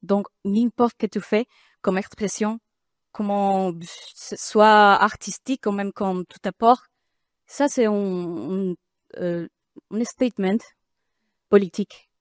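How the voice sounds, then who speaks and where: A woman's voice: medium pitch, fairly even intonation, slow, no room sound, studio quality. A woman with a foreign, Dominican Spanish accent in French, a native Spanish speaker, making unscripted forum remarks in hesitant French. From Dominican Republic. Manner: hesitant, non-fluent French. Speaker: artist and art student, audience speaker.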